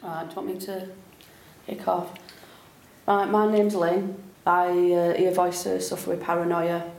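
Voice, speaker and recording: A woman's voice: fairly low pitch, flat delivery, measured pace, gravelly, a little mellow, reverberant, low-quality recording. A woman introducing herself hesitantly in a support group.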